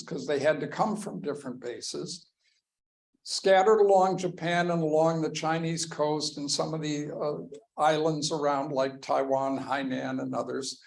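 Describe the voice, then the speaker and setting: Male history lecturer, slow and measured delivery, gravelly fry on a somewhat high voice. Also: poor audio. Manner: slow and deliberate, pointing through slides. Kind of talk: classroom lecture. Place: lecture room with a class present.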